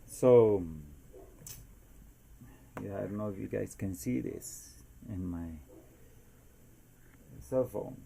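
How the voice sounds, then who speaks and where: An amateur inventor from Costa Rica demonstrates a homemade device in an informal explainer, speaking non-native English with a Costa Rican Spanish accent. He often searches for words and slips in Spanish fillers. His voice is lowish and dark, with vocal fry, a slow pace, and long pauses.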